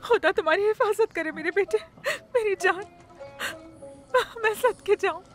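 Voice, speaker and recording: A distraught mother, her very high, tear-choked voice begging and pleading. Her delivery stays tremulous and emotional throughout, with quiet film music underneath. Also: fairly quick. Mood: tearful pleading. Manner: tearful, pleading. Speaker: dubbing voice actor. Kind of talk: Urdu film dub acting.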